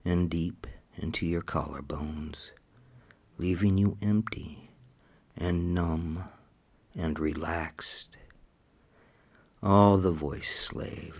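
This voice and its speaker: A man with a very deep, low voice leads a hypnosis recording. He speaks very slowly and repeats his commands, often sinking into hushed whispers. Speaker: hypnosis audio narrator. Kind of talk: slow scripted hypnotic induction.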